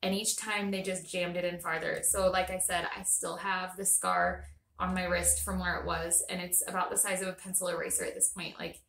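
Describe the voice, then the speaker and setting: A woman's voice: lowish voice, level tone, normal speed, gravelly, a bit bright, roomy sound. A young woman vlogger earnestly and indignantly telling the story of her hard hospital stay after giving birth.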